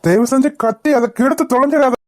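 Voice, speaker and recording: A woman voicing a calm male friend in a cartoon, urging patience and reassuring. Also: high voice, fast talker, dry recording, clean studio sound, natural voice. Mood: soothing. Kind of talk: cartoon voice acting.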